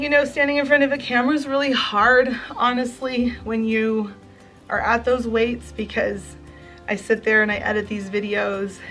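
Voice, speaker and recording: Her voice on the high side and fairly bright, a woman in her forties addresses her viewers in a heartfelt home vlog. The craft vlogger is close to tears and deeply thankful.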